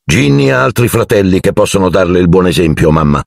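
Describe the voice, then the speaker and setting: Guy playing a stuck-up teen prefect, slow and pompous, husky undertone. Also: fairly low pitch, very animated, no room sound, studio quality, pitched above the performer's own voice, heavily acted. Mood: haughty. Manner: pompous, haughty. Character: pompous, stiff teenage prefect boy.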